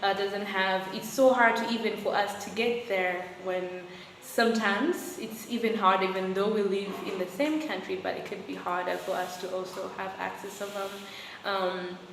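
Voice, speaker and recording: Soft-spoken young Rwandan woman, echoey room. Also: mid-range voice, steady tone, normal speed. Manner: thoughtful, with many fillers and restarts. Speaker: guest, coffee quality controller and roaster. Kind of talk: interview answers. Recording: echoey room with loud background noise.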